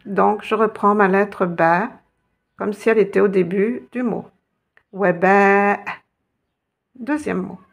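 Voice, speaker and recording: A woman's voice: mid-range voice, fairly even intonation, takes it slowly, vocal fry, pauses often, lo-fi sound. A woman teaching a lesson, patiently guiding learners step by step and spelling out letters. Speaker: Arabic teacher.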